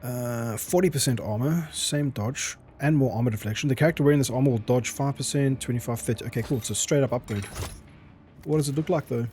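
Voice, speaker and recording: This is a man with an ordinary mid-range voice, hosting a game playthrough. He reads the narration and characters' lines aloud at a measured pace, then slips back into loose, casual remarks, correcting his own pronunciation as he goes. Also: mid-range voice, a little mellow, a little hiss or hum. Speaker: gaming channel host. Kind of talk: let's play commentary and reading game text aloud.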